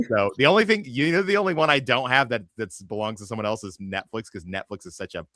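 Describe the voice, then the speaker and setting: A man's voice: mid-range voice, a little fast, a bit bright, no echo, clean studio sound. A man hosting a casual panel chat, rambling and swearing freely, laughing often as he goes. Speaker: podcast host.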